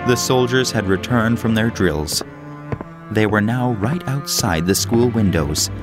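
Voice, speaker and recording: Brief: male storybook narrator, lower voice, measured delivery, music under him. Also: animated.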